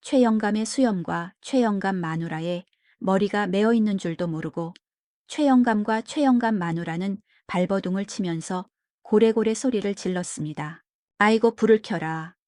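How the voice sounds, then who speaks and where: Brief: female storyteller, warm mellow tone, calm bedtime folktale reading, dry close sound. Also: mid-range voice, no room sound. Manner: gentle, soothing, unhurried telling.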